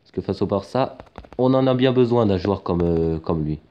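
Excitable gamer, dull lo-fi mic. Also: male voice, deep voice, normal speed. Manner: excitable, shouts at big moments, chatty asides with many fillers. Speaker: gamer commentating his own football video game match. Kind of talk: casual gameplay commentary. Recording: dull lo-fi home mic with faint noise.

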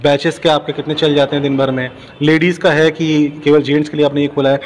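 A man's voice: a little high, flat delivery, quick pace. A middle-aged man working as a news reporter, asking long, rambling, leading questions in an interview. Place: large indoor gym. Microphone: handheld news mic. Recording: long hall reverb, faint noise.

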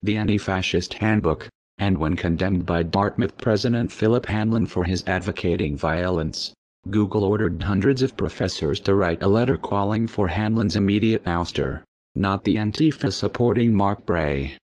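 A man with a disguised deep voice reading an anonymous message as scripted narration, grave and steady. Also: moderate pace.

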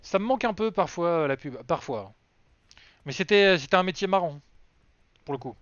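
Streamer, homme, voix haute et nette, parle en vrac, son sec. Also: male voice, high-pitched, expressive, normal speed, a bit bright, no room sound. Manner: rambling, self-mocking, many fillers. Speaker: game streamer. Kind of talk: casual live-stream chat. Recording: dry, slightly dull lo-fi sound.

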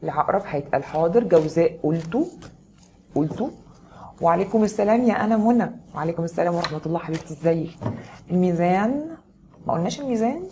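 Egyptian woman doing a casual live tarot reading, low and mellow, faint noise behind. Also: animated, very fast. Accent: Egyptian Arabic. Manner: chatty, greets viewers by name. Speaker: tarot reader.

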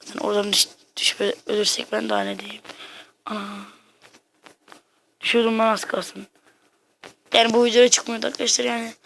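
Female gamer, fairly high voice, excitable, slangy, casual gameplay commentary. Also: brisk, creaky, pauses often, slight background noise. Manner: excitable, slangy, talks to self and viewers. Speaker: gaming video maker.

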